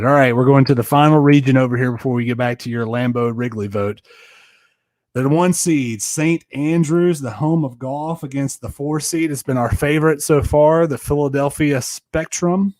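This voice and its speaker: A man's voice: mid-range voice, a little mellow. A man co-hosting a casual sports podcast, playful and jokey, running a bracket vote. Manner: playful, jokey, quick asides. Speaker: podcast co-host.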